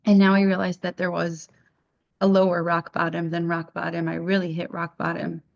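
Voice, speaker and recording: A middle-aged woman telling her own story in a halting, reflective way, often restarting her sentences. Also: lowish voice, completely flat delivery, vocal fry, dull audio. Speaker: interviewee sharing her story. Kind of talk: personal testimony.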